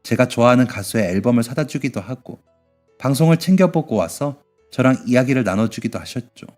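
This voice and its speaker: Mid-pitched man narrating an emotional story. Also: expressive, a little fast, a little mellow. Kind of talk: scripted first-person story narration. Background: faint music.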